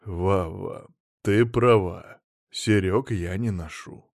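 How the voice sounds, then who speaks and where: A man's voice: deep voice, slow, dry recording, studio quality, pitched below the performer's own voice, full character voice. A man voicing a blunt, hot-tempered middle-aged businessman husband. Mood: gruff. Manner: blunt, gruff, loud.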